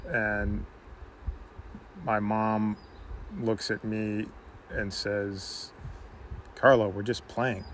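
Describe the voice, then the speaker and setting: Slow, halting man telling a story. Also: fairly low pitch, background noise. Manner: halting, heavy with "you know" fillers. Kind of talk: personal storytelling.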